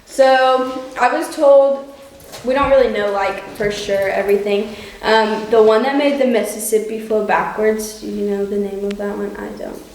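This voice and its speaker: A woman's voice: mid-range voice, steady tone, moderate pace, a little mellow. A woman working as a cave guide, giving an informal tour commentary that echoes around the cave. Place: inside a cave. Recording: very echoey cave, distant mic, faint noise.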